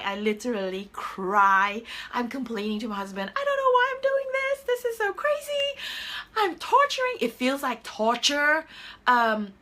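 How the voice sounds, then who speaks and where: Woman host, thirties, heartfelt motivational chat; bright, higher-pitched voice. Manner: emotional, earnest, voice jumps high when quoting herself. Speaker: host of a live video chat. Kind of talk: casual motivational talk.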